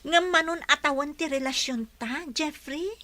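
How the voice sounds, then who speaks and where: A woman playing a bossy, jealous lady of the house, sharp and demanding, in a radio drama. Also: sits high, moderate pace. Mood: impatient. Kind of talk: Philippine radio drama acting.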